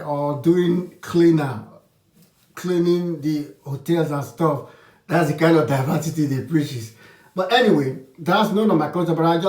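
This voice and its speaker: A man's high-ish voice with a darkish tone comes through with a roomy echo, recorded at a distance from the mic. He's a vlogger giving casual, frank, opinionated advice to his channel's viewers on camera, often restarting what he says.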